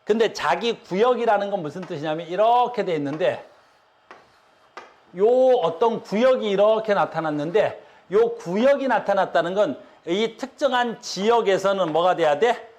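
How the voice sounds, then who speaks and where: A man with a high, animated, slightly mellow voice talks at a normal pace while giving an online physics lecture in casual speech. He keeps saying "봐" to get students to look and checks in with "알겠니?", explaining things through drawings.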